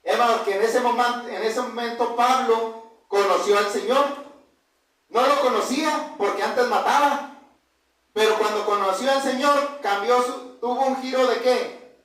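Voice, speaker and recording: A man's voice: extremely high pitch, fairly even intonation, unhurried, a bit bright. A man preaching a Bible lesson, asking his listeners questions and having them fill in the words. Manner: addresses listeners as brothers and by name. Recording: very echoey room, voice from far off.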